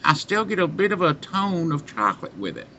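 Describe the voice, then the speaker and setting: A middle-aged man reviewing pipe tobacco chats casually to camera from a small dim room indoors, pausing long and often in a halting, unhurried way. His voice is a little high, gravelly and sharp, with big pitch swings. Audio from a webcam or computer mic at arm's length is muffled and noisy in the background.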